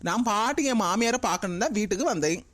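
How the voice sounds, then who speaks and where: A woman's voice: mid-range voice, quick pace, natural voice. A woman voicing a teasing, quarrelsome young daughter-in-law in a cartoon, asking needling questions. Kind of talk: cartoon voice acting.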